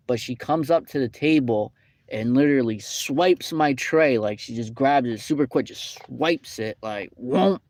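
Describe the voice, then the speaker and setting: A man's voice: mid-range voice, unhurried, darkish tone, no room sound. Indignant young man rambling a story. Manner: rambling, filler-heavy, indignant. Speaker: vlogger. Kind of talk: casual storytelling rant. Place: fast-food restaurant.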